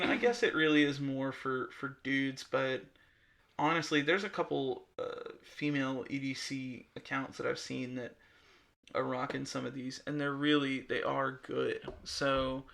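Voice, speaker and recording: A man's voice: mid-range voice, gravelly. A young man co-hosting a podcast, talking casually and rambling with lots of fillers. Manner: rambling, relaxed, many fillers and restarts. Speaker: podcast co-host. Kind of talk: casual chat.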